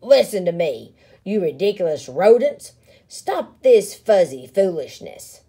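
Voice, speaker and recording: A woman voicing a mean, bossy male prairie dog bully with a booming, growling voice in a picture-book reading. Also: big pitch swings, measured pace, dark tone, slightly rough, exaggerated voice. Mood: furious, yelling. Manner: snarling, scornful, commanding.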